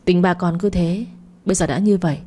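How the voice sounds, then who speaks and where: A doting middle-aged mother who chats, fusses and teases her daughter on a phone call, read by a woman narrator. Her voice is low and warm. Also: a little fast, lightly acted. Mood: teasing. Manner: chatty, fussing, gently teasing.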